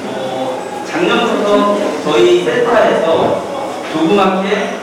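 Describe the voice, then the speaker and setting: High-voiced man hosting in a noisy, echoey hall. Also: animated, far from the mic. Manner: halting, conversational. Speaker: event host, community centre director. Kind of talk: informal live introduction. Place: event hall.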